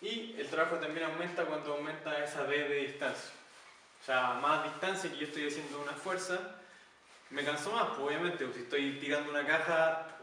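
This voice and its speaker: A man talks through a physics lesson in a relaxed, thinking-aloud way, checking in with rhetorical questions. His voice sits a little high. He sounds distant from the mic in a strongly echoing room. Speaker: physics teacher. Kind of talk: casual explanatory lesson. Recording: very echoey room, mic at a distance, faint noise.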